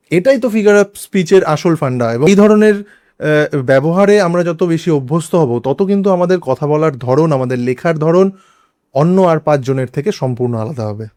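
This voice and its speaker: A man's voice: fairly high pitch, expressive, normal speed, a little mellow. A man with a Bengali accent teaching an English grammar lesson, explaining examples step by step and posing questions to students. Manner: spells out words letter by letter, asks rhetorical questions.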